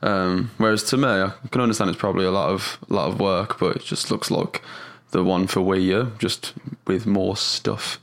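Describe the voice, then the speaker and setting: A man's voice: low voice, steady tone, normal speed, few pauses, a bit bright. A man co-hosting a casual podcast, hesitant and full of fillers but blunt and sarcastic in his opinions. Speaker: podcast co-host. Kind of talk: casual chat.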